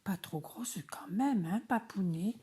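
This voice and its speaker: A woman's voice: mid-range voice, unhurried, mellow, slightly rough. A woman doing an anxious little boy frog.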